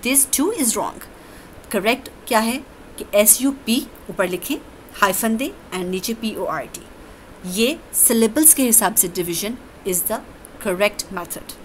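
Woman, teacher, grammar lesson, extremely slow delivery, faint ambience behind. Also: fairly high pitch, animated, slight background noise, poor audio. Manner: slow, deliberate explanations, switching between English and Urdu.

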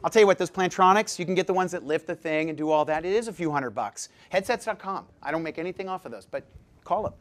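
A man giving a live seminar talk as presenter, jokey and lively, quizzing his audience with questions. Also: high voice, quick pace. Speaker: presenter at a dental practice seminar.

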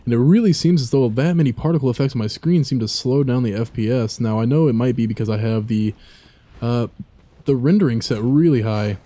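A man's voice: mid-range voice, fairly quick, dark tone. A young man giving casual, rambling gameplay commentary with many fillers and asides. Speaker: let's play commentator.

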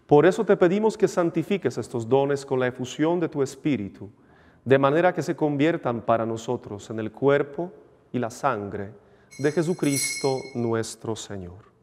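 Priest praying solemnly in cathedral echo. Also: male voice, medium pitch, a little mellow. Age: middle-aged. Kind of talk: solemn liturgical prayer and preaching. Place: indoor chapel, at altar and lectern. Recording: long cathedral-like echo, reverberant chapel.

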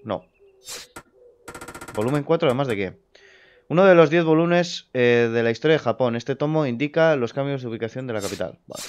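A young man giving casual let's play commentary, excitable and quick to swear. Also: medium pitch, a little hiss or hum. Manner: excitable, swears, laughs at scares. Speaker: gamer.

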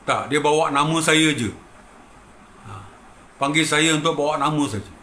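A middle-aged Malaysian man with a Malaysian accent speaks in a fairly high, bright and tense voice. He talks emphatically and repeats himself for weight. The recording has a roomy echo with faint ambience behind it. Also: normal speed, a little hiss or hum. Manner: emphatic, repetitive, keeps addressing the listener as "bang". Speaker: guitarist telling his story. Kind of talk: emotional personal storytelling.

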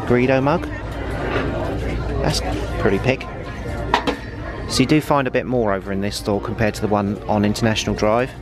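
A man hosts a casual shopping vlog, narrating from behind a handheld camera while browsing a busy retail store. His voice is on the low side and steady, at a moderate pace with long pauses. Loud store music and crowd noise fill the background.

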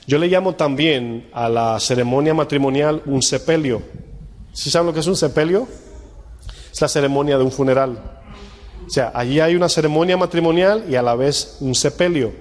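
A man's voice: on the high side, long reverb tail. A male pastor preaching a sermon to his congregation, speaking conversationally and often putting rhetorical questions to the listeners.

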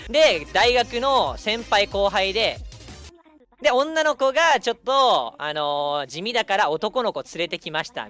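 Lively young man telling a story. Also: high-pitched. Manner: animated, acts out quoted people. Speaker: streamer. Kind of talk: casual storytelling chat.

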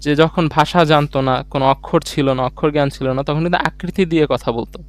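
A slightly high-voiced man teaches an online class, walking through the material step by step. His voice is smooth and clear, recorded close and dry with soft music behind him. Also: steady tone, fast talker, dry recording. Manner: explains step by step, reads out syllable charts; rhetorical questions, mixes English words into speech. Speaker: language teacher.

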